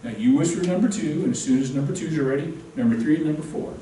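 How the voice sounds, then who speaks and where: A man's voice: on the high side, fast talker, dark tone, a little hiss or hum. A man teaching a real estate class, joking and quizzing the students as he lectures. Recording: very echoey room, distant mic.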